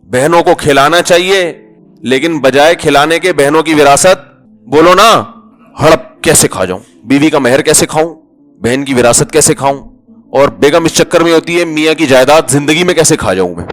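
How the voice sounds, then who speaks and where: A man's voice: a little high, a bit bright, faint music behind. A male Islamic preacher giving a conversational sermon. He jokes, asks the listeners rhetorical questions and acts out small everyday dialogues.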